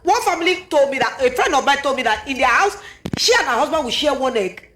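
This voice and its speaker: Nigerian woman on tv panel, high pitched, animated complaining, roomy sound. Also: fast, slight background noise. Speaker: TV talk show panelist. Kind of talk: live panel discussion. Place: TV studio.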